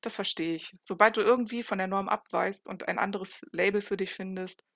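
A woman's voice: mid-range voice, steady tone, fairly quick, vocal fry, fairly bright tone, dry recording, studio quality. A woman reading the lines of a young man in an audiobook, giving short, mumbled, blunt replies. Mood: earnest. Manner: terse, mumbled, shrugging replies. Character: young man, teen boy, shy and blunt.

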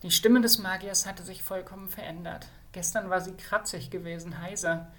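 A woman's voice: lowish voice, steady tone, moderate pace, fairly bright tone. A woman reading a fantasy novel aloud, now and then adding short asides to her listeners.

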